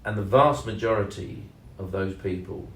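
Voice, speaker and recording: A man co-hosting a casual podcast, speaking in a measured, hesitant way with many ums and leaning hard on key words. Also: lowish voice, fairly bright tone. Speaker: podcast co-host and sales trainer. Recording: roomy echo, mic at a distance.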